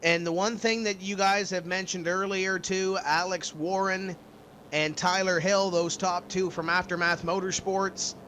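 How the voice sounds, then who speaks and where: Male color commentator for an online race stream, relaxed and rambling, higher voice, clear hiss on the line. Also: unhurried. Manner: casual, with frequent uh fillers and restarts. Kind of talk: sim racing commentary.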